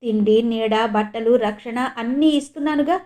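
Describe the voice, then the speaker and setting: A woman's voice: on the high side, normal speed, darkish tone, lightly acted. A woman voicing a proud man who has regained his ability to walk, speaking in an earnest, reflective way. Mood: dismissive.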